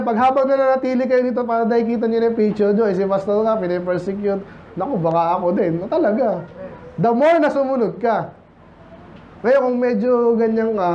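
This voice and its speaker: A man with a Filipino accent, preaching a conversational sermon in church and mixing in English scripture quotes. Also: high-pitched. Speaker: pastor. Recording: dull lo-fi with faint noise.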